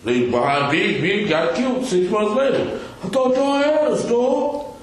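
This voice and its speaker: A man in a recorded police interrogation, telling his story with profane street slang and lively retelling. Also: high-pitched, measured pace. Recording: echoey room on a distant recorder.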